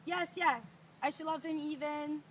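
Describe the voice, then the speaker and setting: A woman's voice: sits high, steady tone, a little slow, recorded from a distance, a little hiss or hum. A young woman voicing Roxane, a young woman in love, in an eager amateur school play reading. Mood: anxious. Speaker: student actor.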